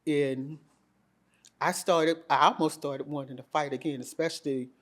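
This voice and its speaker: A middle-aged woman, an interview guest, telling her story in a candid, animated way and quoting herself with emphasis. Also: sits low, normal speed.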